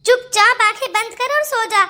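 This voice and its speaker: A woman's voice: very high voice, normal speed, pushed and bright. A woman voicing a sad young mother who answers sternly and wearily in a cartoon story. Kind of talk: cartoon voice acting.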